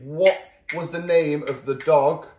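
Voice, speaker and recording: A man's voice: on the high side, fairly even intonation, slow. Playful Mancunian man hosting a home quiz. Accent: Mancunian English. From Manchester, England. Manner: playful, laughing, slips into doting baby talk with the dogs. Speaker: vlogger hosting a family quiz. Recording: echoey room with background noise.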